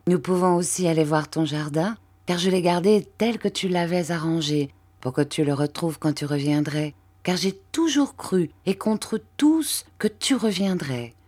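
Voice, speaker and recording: A woman's voice: on the low side, a little slow, breathy edge. A woman voicing an elderly peasant mother, tearful and exclaiming. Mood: affectionate. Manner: emotional, exclaiming, softly affectionate.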